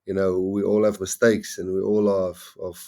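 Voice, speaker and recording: On a live stream, a middle-aged rugby coach from South Africa talks casually, his deep, mellow voice barely moving in pitch and his Afrikaans accent strong. His speech is rambling and halting, full of frequent restarts.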